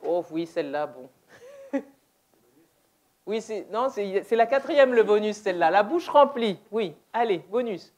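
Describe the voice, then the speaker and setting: A woman presenting a deaf ministry workshop in a church, playful and quick to laugh, with hesitant restarts. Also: mid-range voice, expressive, darkish tone. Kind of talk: interactive church workshop talk. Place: church hall, indoors.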